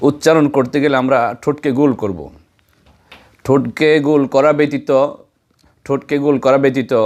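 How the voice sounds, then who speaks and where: A man's voice: mid-range voice, darkish tone. A man teaching correct pronunciation of Arabic letters for recitation, counting off points one by one and sounding them out as examples. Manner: methodical, counts points and demonstrates sounds aloud. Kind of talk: instructional lesson on letter pronunciation.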